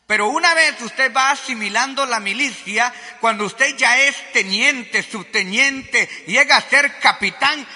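A man preaching a sermon who addresses his listeners directly as brother, swinging between emphatic shouts and hushed asides. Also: very high-pitched, measured pace, few pauses, long reverb tail.

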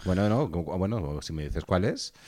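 A man's voice: sits low, lively intonation, moderate pace, a little mellow. A man hosting a casual radio chat, mostly giving short reactions and steering the show. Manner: brief reactions, wraps up the show. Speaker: host.

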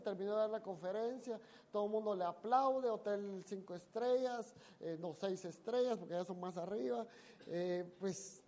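A preacher tells a story in a sermon, dramatic, swinging between loud emphasis and hushed asides. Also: mid-range voice.

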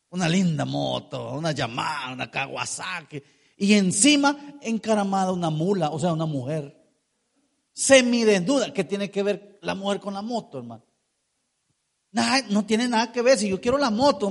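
A man's voice: high-pitched, creaky. A man preaching a sermon, emphatic, asking rhetorical questions and drawing out key words.

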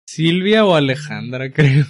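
A man's voice: a little high, very animated, a little slow. A man, joking and laughing through a casual podcast chat with friends. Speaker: podcast co-host.

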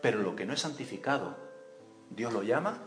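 Man preaching an animated sermon. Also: medium pitch, fairly quick, over music. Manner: animated storytelling, acts out voices and cries, asks the congregation questions. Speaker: pastor. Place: church.

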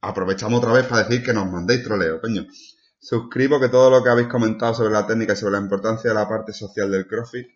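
Crude low-voiced podcast host. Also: male voice, fairly even intonation. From Ciudad Real, Spain. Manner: crude, joking, drawn-out fillers. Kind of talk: casual banter, reading listener comments. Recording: dull lo-fi podcast audio.

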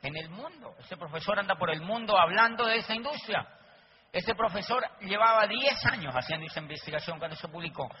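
A man's voice: high-pitched, animated, a little fast. A man giving an emphatic motivational business talk, repeating his key lines and addressing the audience directly. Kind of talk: motivational talk with acted anecdotes. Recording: dull lo-fi recording with faint noise.

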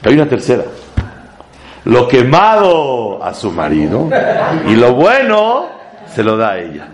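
Man w teaching torah to a room, kinda low voice, jumps way up when he's making a point, drops hebrew words in. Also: animated, moderate pace, a crowd in the background. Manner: emphatic, sweeps up in pitch to stress points, mixes in Hebrew terms. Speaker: rabbi teaching a class. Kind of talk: Torah class before a live audience.

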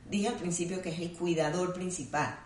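A woman clinical psychologist speaks in a low, calm voice and explains ideas in a measured, teacherly way. Her voice is picked up from some distance, and the room adds a noticeable echo. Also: slight background noise. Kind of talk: explanatory conversation. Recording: roomy sound from a distant mic.

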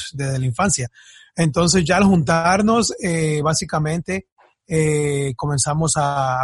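A man's voice: fairly high pitch, slightly rough, no echo, clean studio sound. A man from Ecuador, a guest musician, talking in a casual podcast interview with many fillers and restarts.

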